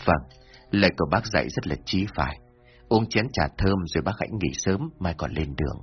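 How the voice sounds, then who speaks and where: A man's voice: medium pitch, very animated, a little fast, natural voice. A man doing a humble older village chief. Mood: earnest. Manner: earnest, self-reproaching. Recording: dull lo-fi, faint music.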